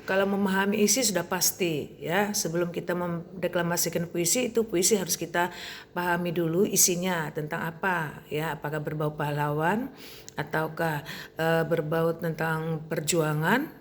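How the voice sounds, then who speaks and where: A woman teacher explaining a lesson to her pupils in a steady way, often starting with "nah" and ending with "ya". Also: medium pitch, a little hiss or hum. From Indonesia. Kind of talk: recorded lesson for pupils on reciting poetry.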